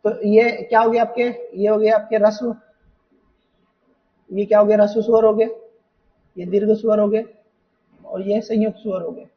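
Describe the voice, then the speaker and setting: In an exam-preparation lesson, a high-voiced man talks at normal speed in a flat way, leaving long pauses. He patiently repeats points and keeps asking rhetorical questions, heard dully through a distant mic.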